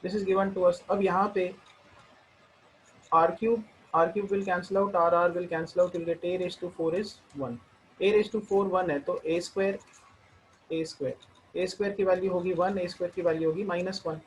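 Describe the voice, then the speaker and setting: A man with an Indian accent teaching a math lesson, working through the steps one at a time and slowing down to read each equation aloud. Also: high-pitched, fairly even intonation, slight background noise, poor audio. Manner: explains step by step, mixing Hindi and English; slows down when reading out equations. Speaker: math tutor.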